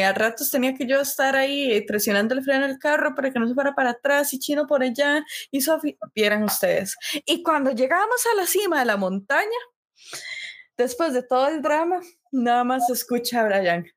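A young woman with a Costa Rican accent, co-hosting a podcast and telling a story in an animated, laughing way. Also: high-pitched, moderate pace. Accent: Costa Rican Spanish. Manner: animated storyteller, tag questions, laughs often. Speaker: podcast co-host. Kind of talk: casual storytelling chat.

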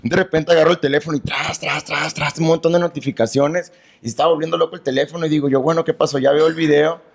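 A man's voice: on the high side, steady tone, fast talker, creaky. Easygoing male guest. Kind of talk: casual interview answers.

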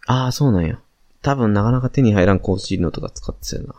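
A man's voice: lowish voice, quick pace, a little mellow. A young man with a Kansai accent, co-hosting a casual podcast chat and rambling with fillers. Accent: Kansai Japanese. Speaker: podcast co-host.

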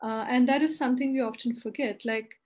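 A woman panelist gives a thoughtful, earnest answer in a fairly high voice. She speaks at length, with occasional fillers. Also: fairly even intonation, a little fast, darkish tone, muffled recording. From India. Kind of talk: panel discussion.

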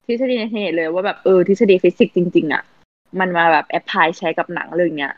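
A woman hosting a casual podcast chat, animated and quick to laugh. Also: fairly low pitch, no room sound, lo-fi sound. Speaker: host.

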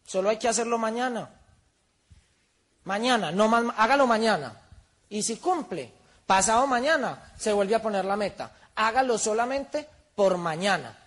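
A man's voice: high-pitched, lively intonation, moderate pace, fairly bright tone. A man giving a motivational seminar talk, firing rhetorical questions at his audience. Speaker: seminar speaker.

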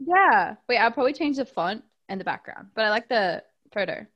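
An Australian woman in her 20s co-hosts a podcast over a phone call, chatting casually. Her voice sits on the high side with big pitch swings and a brisk pace, and she's upbeat, laughy and full of "like."

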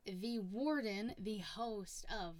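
A woman with a hoarse, raspy, nearly lost voice bantering casually as a podcast host, sweary and sardonic. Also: mid-range voice, slow, darkish tone.

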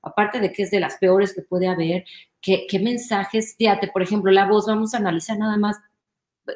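A woman with a Mexican accent talks in a lively, explanatory way as an interview guest, often checking in with "¿no?". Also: medium pitch, moderate pace. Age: adult, a mother. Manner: animated, explanatory, often asks "¿no?". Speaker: guest, image consultant. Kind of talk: conversational interview. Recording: roomy echo.

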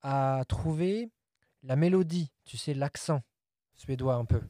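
A man's voice: mid-range voice, takes it slowly, dark tone, no echo. A man, a linguist, chatting casually about language apps and videos, with many fillers and repeated words.

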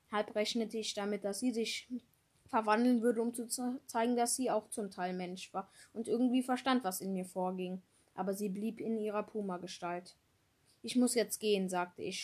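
A woman reads a children's novel aloud in her own everyday voice, at a middling pitch. She stumbles now and then and restarts a word. The characters' dialogue comes only slightly softer than the narration. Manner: reads with small slips and restarts, quiet voiced quotes. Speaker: reader of a novel.

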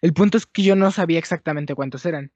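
A man's voice: on the high side, quick pace, no echo. Young Mexican guy telling a rambling story. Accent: Mexican Spanish. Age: young adult. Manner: rambling, self-correcting, lively storytelling. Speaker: storyteller among friends. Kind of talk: casual chat. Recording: dull dry lo-fi sound.

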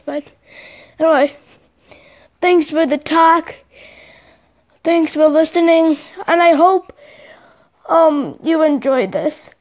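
A young woman hosts a casual solo podcast, chatting ramblingly with lots of fillers, recorded on a phone microphone. Her voice is high-pitched and a little mellow.

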